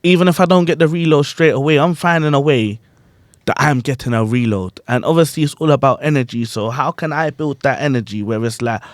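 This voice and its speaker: A man's voice: fairly high pitch, a little fast, no echo, clean studio sound. Slangy man hosting a podcast. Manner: animated, slangy, repeats "you get what I'm saying". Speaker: podcast host and grime MC. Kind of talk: casual chat.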